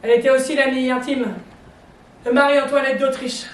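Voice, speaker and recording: A woman's voice: high voice, flat delivery, normal speed, close to an everyday voice. A woman playing an imperious, menacing male prime minister in a historical stage drama, declaiming pompously. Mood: smug. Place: theatre stage in Paris. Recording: echoey theatre, distant microphone.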